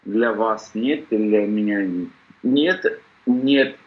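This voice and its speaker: A man's voice: lowish voice, slow. Insistent man on a dull call line. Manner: insistent, repeats his questions. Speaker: video call participant. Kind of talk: heated casual argument. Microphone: video call.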